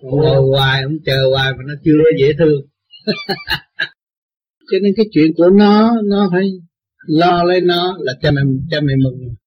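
Blunt Southern Vietnamese male teacher, husky. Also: a little high, normal speed, pauses often. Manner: blunt, folksy, tells anecdotes. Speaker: spiritual teacher. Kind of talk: informal religious talk to followers. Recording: dull lo-fi recording.

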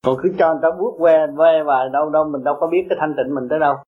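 A man's voice: on the high side, fairly even intonation, very fast, narrow, tinny audio. A man giving a blunt, emphatic Buddhist talk to his followers, coaxing and scolding them by turns. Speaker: Buddhist teacher.

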